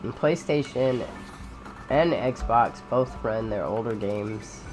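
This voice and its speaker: A casual game streamer with a medium-pitched voice talks through gameplay. The delivery is informal and rambling, with game music clearly behind it. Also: slow, low-quality recording. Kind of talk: casual gameplay commentary and chat.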